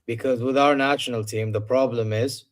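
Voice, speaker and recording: A man's voice: medium pitch, fairly even intonation, normal speed. A man hosting a casual sports chat, opinionated and repeating himself for emphasis. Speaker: show host.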